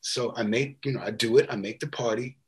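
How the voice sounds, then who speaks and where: A man from New York, a guest musician, telling a story in casual chat with lively, repetitive phrasing and some swearing. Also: medium pitch, fairly quick. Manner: animated storyteller, repeats words, casual swearing.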